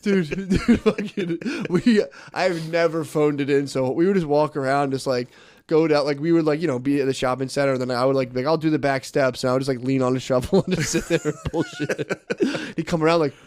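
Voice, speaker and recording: A man's voice: on the high side, a little fast, darkish tone. A man, co-hosting a podcast and telling a rambling story with lots of laughter and swearing. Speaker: podcast co-host. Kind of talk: casual chat.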